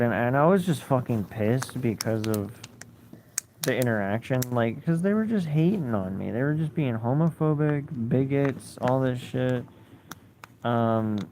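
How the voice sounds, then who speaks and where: A man's voice: medium pitch, a little mellow, a little hiss or hum. A young man telling a rambling, profane story in a casual way, full of fillers.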